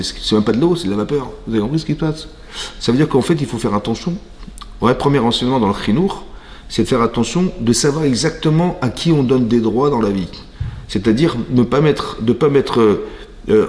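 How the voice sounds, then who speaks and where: A man teaching a Torah class in a synagogue, talking conversationally and regularly checking that his listeners follow. His voice sits at an ordinary pitch. A long reverb from the hall trails behind every phrase. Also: a little mellow. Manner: reads Hebrew verses then explains in French. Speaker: rabbi teaching a women's class.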